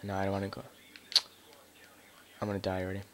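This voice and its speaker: A man's voice: low-pitched, completely flat delivery, fast, a little mellow, slight background noise. A man doing casual live gameplay commentary on a headset mic as a raging gamer, swearing and grumbling in exasperation. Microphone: gaming headset.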